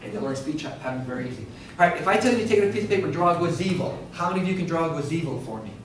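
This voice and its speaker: Middle-aged guy giving a workshop talk, keeps asking the room stuff, slightly high voice, recorded from far off with lots of echo. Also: animated, very fast. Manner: interactive, asks the room questions. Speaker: workshop presenter. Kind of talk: lecture to a workshop audience. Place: classroom or lecture room. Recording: echoey room from far off, faint noise.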